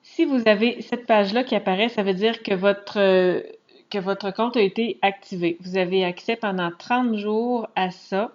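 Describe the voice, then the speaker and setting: A woman with a Quebec French accent giving a casual, chatty screen walkthrough tutorial, pausing often to hesitate as she talks. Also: medium pitch. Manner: chatty, relaxed, frequent hesitations. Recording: dull lo-fi recording.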